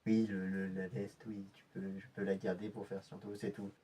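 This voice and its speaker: A man's voice: sits low, flat delivery, moderate pace, dark tone, husky, far from the mic. A man playing a young male infiltrator getting ready for a covert mission, often stammering and restarting his sentences in amateur web-drama style. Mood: irritated.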